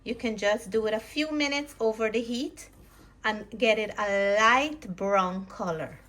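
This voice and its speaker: A woman's voice: mid-range voice, unhurried, fairly bright tone. A woman from Guyana hosting a cooking vlog, explaining each step of a recipe in a chatty, homely way. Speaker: cooking vlogger. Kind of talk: casual vlog narration. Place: outdoors in snow, then a home kitchen.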